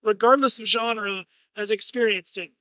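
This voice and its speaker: A man's voice: sits high, steady tone, moderate pace, pushed and bright, smooth, no echo. A man hosting a podcast interview, chatting casually and wryly, often agreeing with "right.". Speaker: podcast host.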